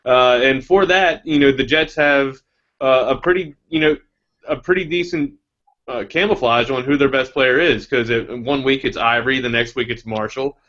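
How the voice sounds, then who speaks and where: A man's voice: mid-range voice, normal speed, fairly bright tone. A man co-hosting a fantasy football podcast, rambling in casual chat with many restarts. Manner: rambling, many restarts and fillers, laughs easily. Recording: dull lo-fi audio.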